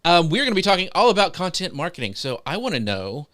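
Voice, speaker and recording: A man's voice: on the high side, big pitch swings, quick pace, fairly bright tone. A man hosting a live social media show, upbeat, greeting guests and reading out viewer comments. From United States.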